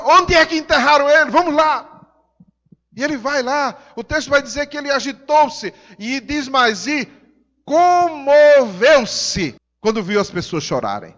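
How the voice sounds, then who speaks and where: A man's voice: extremely high pitch, a bit bright. A man with a Brazilian accent preaching a sermon in a church hall, emphatic and repetitive, speaking directly to the congregation. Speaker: pastor. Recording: dull sound with long hall reverb.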